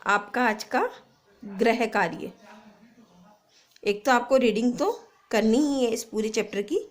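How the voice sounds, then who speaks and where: Woman teacher doing a kids phonics lesson, slow careful reading, a bit high voice. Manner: slow, clearly syllabled reading and dictation. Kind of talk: Hindi phonics lesson for children.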